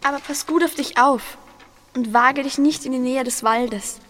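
A woman's voice: high-pitched, normal speed, a bit bright, in a large hall, a little hiss or hum. A schoolgirl playing a grave old village innkeeper. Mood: ominous. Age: teens. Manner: storytelling, ominous.

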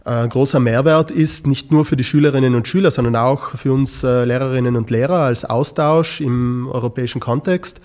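Hesitant man, mid pitch. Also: a little fast, few pauses, a little mellow. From South Tyrol. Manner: thoughtful, hesitant, many filler sounds. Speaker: teacher in a school project. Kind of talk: interview answers.

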